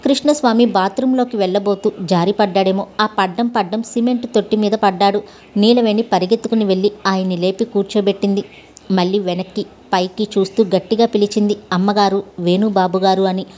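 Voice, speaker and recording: Woman narrator, calm, even, storytelling, mid-pitched. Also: brisk.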